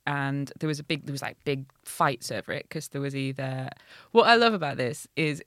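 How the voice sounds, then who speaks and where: A woman from Hull with a Hull accent, hosting a podcast in casual, animated, jokey storytelling chat. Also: rumbling low, brisk, no echo, clean studio sound. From Hull, England. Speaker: podcast host telling a fairy tale.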